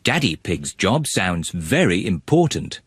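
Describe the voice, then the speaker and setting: A man's voice: low-pitched, very animated, unhurried, no room sound, studio quality, heavily acted. A man playing a kindly storyteller, narrating a preschool cartoon in simple, friendly sentences. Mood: kindly explaining. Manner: clear, simple, friendly explaining. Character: kindly male storyteller narrating for small children.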